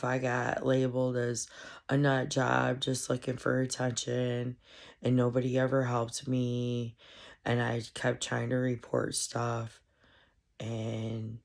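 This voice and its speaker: Flat, gravelly, congested woman rambling. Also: very deep voice. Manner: halting, meandering, heavy with fillers. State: stuffed up, congested. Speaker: solo commentary vlogger. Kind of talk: casual rambling monologue.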